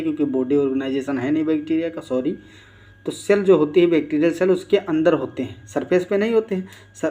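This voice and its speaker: A man leads an exam-prep lesson, his voice pitched a little high yet soft and mellow in tone. He reads each option slowly and carefully. Then he asks the class a question and answers it himself, step by step. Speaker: teacher.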